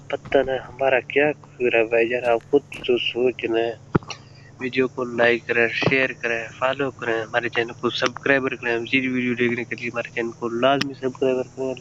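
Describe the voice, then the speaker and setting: A man gives excited, jokey commentary on a mobile driving game, urging and teasing the characters. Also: mid-range voice, highs cut off, a little hiss or hum. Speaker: gameplay commentator. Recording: loud car and tire game sounds behind.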